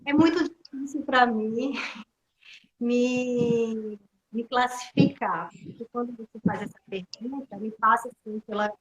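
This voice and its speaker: A woman's voice: a little high, measured pace, muffled recording. Reflective woman on an echoey call. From Pernambuco, Brazil. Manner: reflective, searching for words, many restarts. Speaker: guest actress and theatre teacher. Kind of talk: casual talk in a live video call. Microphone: computer mic on a video call.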